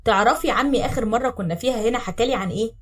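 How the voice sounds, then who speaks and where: A woman's voice: fairly high pitch, rapid-fire, distant mic, a little hiss or hum, lightly acted. A woman voicing a blunt, teasing young man with an Egyptian accent in a spoken story. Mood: gentle.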